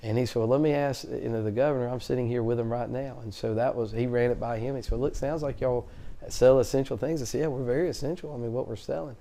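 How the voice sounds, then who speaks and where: Fast-talking man, dark voice. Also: mid-range voice. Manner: fast-talking, chatty, animated storyteller. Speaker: auctioneer, guest. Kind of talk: casual interview storytelling.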